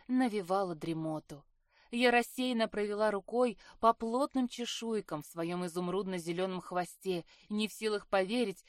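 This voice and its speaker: A woman narrating a fantasy audiobook in a measured, even storytelling manner, recorded in a studio. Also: mid-range voice, dry recording. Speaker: audiobook reader. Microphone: studio mic.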